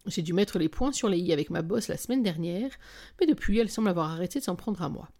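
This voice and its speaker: A woman narrates a romance novel in the first person, with a wry, intimate delivery. Her voice is low and mellow, with a gravelly fry in it. At moments she lets it sink into a whisper. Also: expressive, fast. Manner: intimate, wry storytelling, sometimes dropping to a whisper. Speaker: audiobook narrator.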